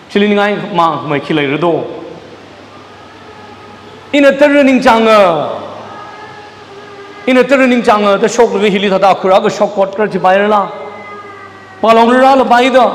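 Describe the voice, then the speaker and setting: A man preaching a sermon in a church, dropping English words into his talk. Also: very high voice. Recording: echoey church hall, mic at a distance.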